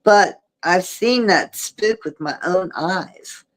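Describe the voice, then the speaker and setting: A woman's voice: fairly low pitch, takes it slowly. A woman voicing a gloomy, superstitious older ranch woman in a storybook reading, declaring her words.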